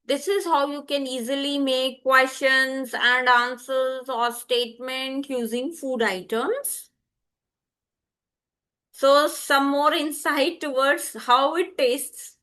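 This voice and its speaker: A woman teaching vocabulary, repeating each word slowly and clearly for learners. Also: high-pitched, fairly even intonation, bright, forceful tone. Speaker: language teacher. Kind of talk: slow, deliberate vocabulary lesson.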